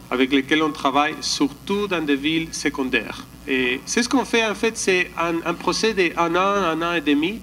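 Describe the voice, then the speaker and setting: A man's voice: fairly high pitch, bright, forceful tone, slight background noise, poor audio. A man giving a slide presentation at a conference, hesitant, often restarting and searching for words. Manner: calls for the next slide.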